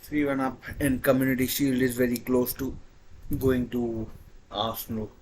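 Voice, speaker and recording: A man commentating live on a football shootout as an anxious fan, halting and repeating his phrases. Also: mid-range voice, level tone, a little mellow, a little hiss or hum, poor audio. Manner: halting, hesitant delivery. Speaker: football watchalong host.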